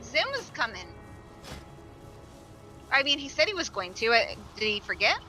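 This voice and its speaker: A woman's voice: a little high, big pitch swings, moderate pace, bright, forceful tone, faint music behind. A woman chatting and giggling with her guild on voice chat during a game raid. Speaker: guild raid member streaming. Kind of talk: casual gaming voice chat.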